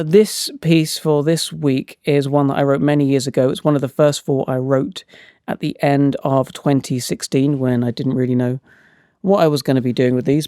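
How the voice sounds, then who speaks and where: A man's voice: mid-range voice, dark tone, clean tone, no room sound, clean studio sound. A man hosting a solo podcast in a wry, self-deprecating manner, recorded indoors at home. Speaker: podcast host. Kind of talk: rambling, self-conscious solo podcast monologue and scripted essay reading. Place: indoors in a house.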